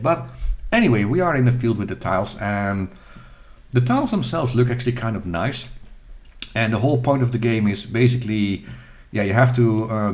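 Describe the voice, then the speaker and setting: A middle-aged man with a fairly low voice talks over his gameplay in a casual, unhurried voice-over. He is self-deprecating and halting, with plenty of fillers and restarts as he thinks aloud. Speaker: retro gaming channel host.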